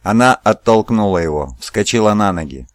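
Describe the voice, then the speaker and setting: A man narrating an adventure novel as an audiobook, telling it in a steady, measured way. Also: on the low side, no room sound, studio quality.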